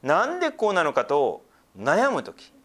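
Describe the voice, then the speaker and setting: A man's voice: fairly high pitch, wildly swooping pitch, normal speed, fairly bright tone. A middle-aged male pastor giving a sermon, explaining scripture with frequent asides and a conversational, teaching tone.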